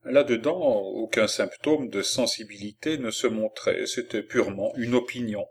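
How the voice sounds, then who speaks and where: A man reading an audiobook of a classic novel with measured, expressive narration. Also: lowish voice. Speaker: audiobook reader.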